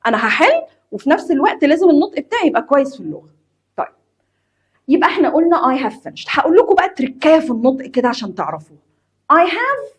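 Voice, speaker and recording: Husky Egyptian woman teaching English grammar. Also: a little high. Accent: Egyptian Arabic. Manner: emphatic, repeats key points, talks straight to students; mixes English terms into Arabic explanation. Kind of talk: explaining a grammar lesson to students.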